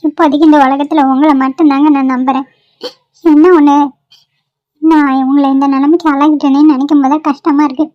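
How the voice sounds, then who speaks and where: An anxious young college woman, played by a woman speaks softly and apologetically in a high voice. The homemade cartoon audio is dry and close. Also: little pitch movement, fairly quick, no echo, muffled recording, close to an everyday voice. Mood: worried. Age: young adult. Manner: soft, polite, apologetic. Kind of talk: amateur cartoon voice acting.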